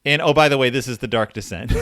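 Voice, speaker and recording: The podcast host, a man, rambles through his book talk casually, breaking off his own sentences with the zeal of an explainer. His mid-range voice is animated, brisk and fairly bright, in clean studio sound without echo.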